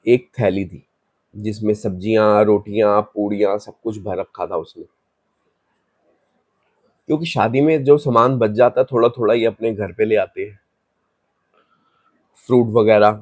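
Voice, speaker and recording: A man's voice: lowish voice, a little slow, pauses often, a little mellow, dry recording. A man telling a horror story in a loose, conversational way, with restarts, and acting out the story's voices in passing. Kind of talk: casual spoken horror story.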